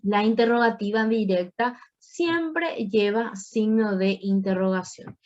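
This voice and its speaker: Slow-paced woman teacher, muffled call audio. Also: mid-range voice, a little mellow. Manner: slow, patient explaining with playful asides. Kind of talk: online grammar lesson.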